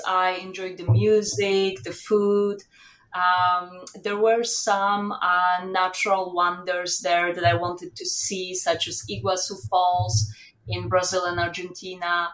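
A woman in her thirties from Poland, a startup founder guest speaking English with many pauses and fillers. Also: fairly low pitch, fairly bright tone. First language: Polish. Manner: hesitant, many fillers and restarts. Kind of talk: casual interview chat.

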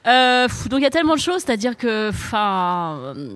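A woman hosting a casual commentary chat, relaxed and hesitant, often laughing between remarks. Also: fairly high pitch, fairly quick, clean tone. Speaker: host.

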